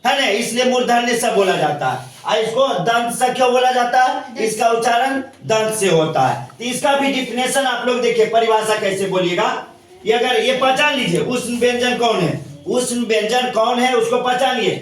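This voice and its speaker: Heard from a distance in an echoey room, a man teaching grammar to a class speaks in a very high voice at a moderate pace, repeating himself and asking questions all the time.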